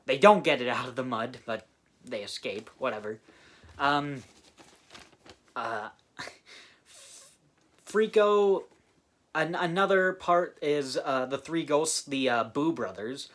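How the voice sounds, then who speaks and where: A man giving a casual movie review, halting with many fillers and restarts. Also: mid-range voice, fairly bright tone. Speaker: film reviewer.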